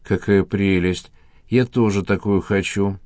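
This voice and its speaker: A man's voice: sits low, fairly even intonation, measured pace, darkish tone, no room sound, clean studio sound. A man voicing a vain, flighty young female pop star who gushes and takes offense easily. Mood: gushing.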